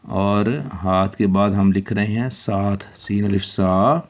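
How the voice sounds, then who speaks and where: A man with a fairly low voice teaches young children handwriting. He speaks very slowly and patiently, spelling out each letter one at a time as he writes. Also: little pitch movement.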